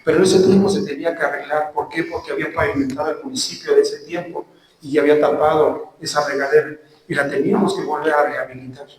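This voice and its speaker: A man with a Mexican Spanish accent preaching a sermon and telling a personal testimony, slow and emphatic. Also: on the high side, steady tone, slight background noise. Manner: earnest storytelling, slow emphatic phrases. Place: church hall. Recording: very echoey hall, from far off.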